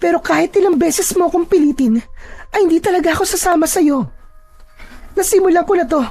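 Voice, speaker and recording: Narrator doing a high, determined young aswang hunter woman. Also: darkish tone. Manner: earnest, urgent pleading.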